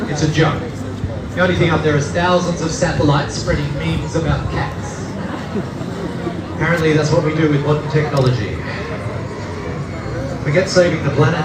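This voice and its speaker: A man in his fifties working as a street performer, hyping and joking with his audience in cheeky comedic patter. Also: fairly high pitch. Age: 50s. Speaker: street performer hosting a stunt show. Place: outdoor festival street show. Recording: roomy, distant pickup in loud crowd noise.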